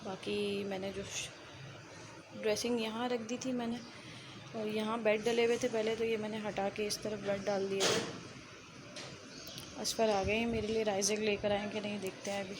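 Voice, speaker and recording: A woman's voice: mid-range voice, level tone, moderate pace, pauses often. A young woman chatting casually in a home vlog, then soothing and coaxing her child. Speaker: vlogger. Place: home bedroom. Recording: noisy home recording.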